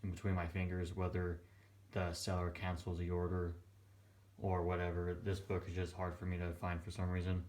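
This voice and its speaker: A young man giving casual vlog narration in a quiet but clear, subdued voice, hesitant and a little tired. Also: low voice, completely flat delivery, moderate pace. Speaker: comic collector presenting his purchases. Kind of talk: casual vlog narration over close-up shots of items. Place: small indoor room at home.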